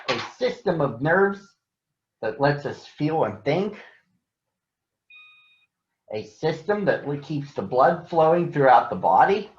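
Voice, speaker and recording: A man pushes his voice up, a little high, to play a patient female grizzly bear doctor from a storybook. She explains things in a deliberate, encouraging way. The room is echoey and the sound slightly dull.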